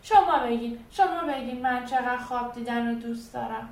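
A woman's voice: on the high side, a little mellow, close to an everyday voice. A woman voicing a proud, cheerful girl's doll in a storybook reading, speaking in an exclaiming, indignant way. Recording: echoey room, distant, faint music.

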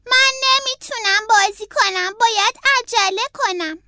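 A woman's voice: extremely high pitch, a little hiss or hum, pitched above the performer's own voice. A woman voicing Franklin, an eager little turtle. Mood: hurried. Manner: urgent, excited exclamations. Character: eager young male turtle, hurried and worried.

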